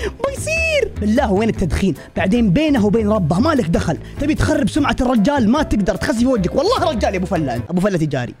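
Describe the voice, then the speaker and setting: Saudi male YouTuber, 20s, very fast and lively, reaction banter. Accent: Saudi Arabic. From Saudi Arabia. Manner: excitable, jokey, swings between high and low tones. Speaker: YouTuber reacting to videos about himself. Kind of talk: casual reaction commentary.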